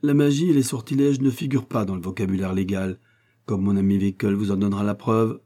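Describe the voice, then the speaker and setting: A man voicing a stern, quick-tempered male police inspector who speaks severely and commandingly. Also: fairly low pitch, steady tone, warm tone, natural voice. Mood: scornful. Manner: severe, commanding, then explosive.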